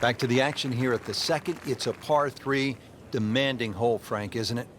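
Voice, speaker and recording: A man anchoring live golf commentary in a measured play-by-play delivery. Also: mid-range voice, fairly even intonation, over music. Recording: noisy outdoor crowd ambience behind voice. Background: crowd and outdoor ambience.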